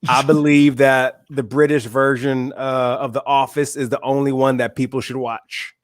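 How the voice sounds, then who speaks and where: A man's voice: medium pitch, normal speed, dry recording. Wry, dry-sounding man from Michigan. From Michigan, USA. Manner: relaxed, wry, opinionated. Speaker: guest, author and speaker. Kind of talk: casual interview chat.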